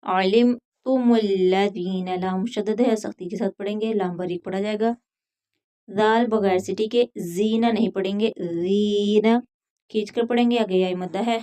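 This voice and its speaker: A woman teaching tajweed, reciting verses in a drawn-out chant and then explaining each letter rule in quick spoken lines. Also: medium pitch, fairly even intonation, dark tone. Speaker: Quran teacher.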